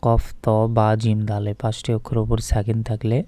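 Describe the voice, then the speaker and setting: A man's voice: on the low side, completely flat delivery, fairly quick, warm tone, no echo. A man with a Bangladeshi Bengali accent teaching Quran recitation, spelling out each letter and vowel mark one by one before chanting the verse. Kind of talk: slow, methodical pronunciation lesson.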